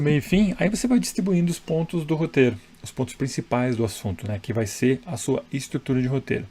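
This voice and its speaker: Speaking straight to the camera, a man coaches public speaking in a chatty, emphatic, conversational way, using tag questions to check in with the viewer. His voice is medium-pitched with a darkish tone.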